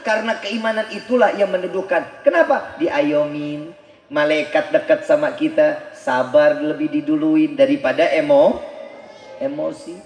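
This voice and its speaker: A man giving a humorous sermon, firing rhetorical questions at the crowd and now and then breaking into shouts for emphasis. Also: a little high, normal speed. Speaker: preacher. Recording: echoey live venue.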